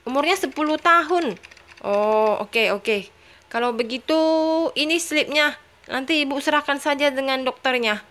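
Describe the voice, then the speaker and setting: A woman voicing a polite female nurse who talks in a brisk, businesslike way. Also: sits high, bright, forceful tone.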